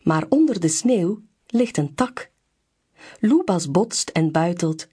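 Slow, husky woman reading a children's story. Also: lowish voice. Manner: slow, clear storybook delivery with lively intonation. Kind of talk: reading a children's picture book aloud.

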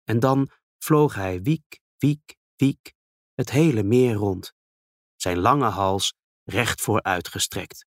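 A man reading a children's story aloud in a calm, gentle storytelling manner. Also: on the low side, takes it slowly, dry recording, studio quality.

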